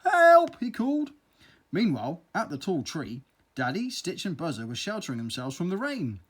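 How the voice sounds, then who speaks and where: A storyteller reading a children's story aloud in a playful, expressive way. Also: medium pitch, a little fast, husky.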